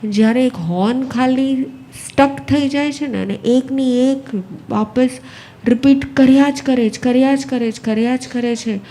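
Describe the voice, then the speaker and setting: A woman's voice: high-pitched, a little slow, warm tone. A Jain nun giving a spiritual discourse to a live audience with a Gujarati accent, repeating phrases and putting questions to her listeners. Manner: repetitive, asks the audience questions.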